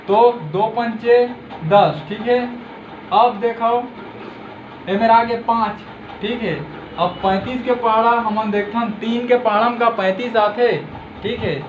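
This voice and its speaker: A man with a Chhattisgarhi accent teaches a math lesson in a very high voice. He explains patiently and closes every step with "okay". The recording is roomy and dull, with faint hiss behind him.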